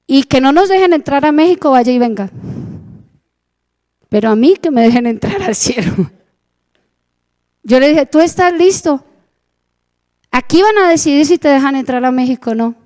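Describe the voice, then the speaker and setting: A woman's voice: high voice, expressive, normal speed, long pauses, dark tone. A Colombian woman preaching a sermon, telling a testimony earnestly and acting out the dialogue. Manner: earnest storytelling, acts out dialogue.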